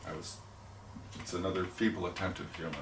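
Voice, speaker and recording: A man's voice: low voice, flat delivery, quick pace. A middle-aged man chatting while he works in his pottery studio, rambling and making self-deprecating jokes. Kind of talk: casual livestream chat while working. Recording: echoey room, distant mic, noisy.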